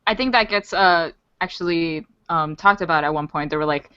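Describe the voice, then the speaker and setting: Excitable low-voiced woman, laughing often. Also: fairly quick, smooth, no room sound. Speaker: podcast co-host. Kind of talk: casual chat. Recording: dry, dull lo-fi podcast audio.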